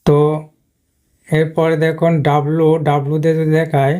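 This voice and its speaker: A male English teacher talks through a lesson on screen. He explains patiently and repeats himself often. His voice is mellow and dark, and it stays on an even, flat pitch. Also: moderate pace, clean tone. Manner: patient, repetitive explaining with frequent "but" fillers. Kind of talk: screen-based video lesson.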